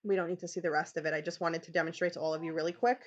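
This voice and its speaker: A teacher from New York hosts a live screen-share tutorial for fellow teachers, speaking rapid-fire in a fairly low, steady voice. The audio is dull, and her chatty delivery is full of "okay"s and restarts.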